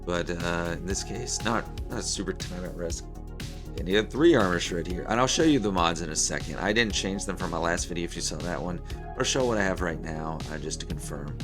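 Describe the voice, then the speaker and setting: A man in his thirties with a hoarse, failing voice, giving casual game commentary as host of a gaming video. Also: low voice, fairly quick, over music. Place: small room indoors at a desk.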